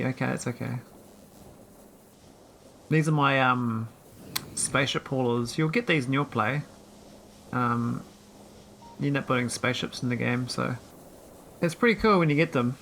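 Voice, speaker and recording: Gravelly, bright-voiced man streaming a game. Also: mid-range voice, a little hiss or hum. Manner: rambling, chatty, answers viewer chat. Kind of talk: casual live-stream chat.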